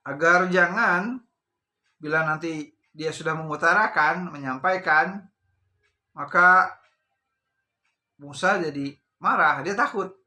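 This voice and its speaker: Bright-voiced male preacher telling a story. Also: on the high side. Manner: repetitive, addresses listeners as brothers. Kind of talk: sermon storytelling.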